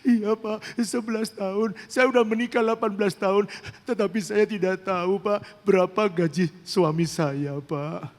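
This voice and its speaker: A man's voice: extremely high pitch, big pitch swings, normal speed, voice pushed up. A man voicing a tearful wife who has been married eighteen years, heard through a long church-hall reverb. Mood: pleading. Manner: pleading, earnest, eager.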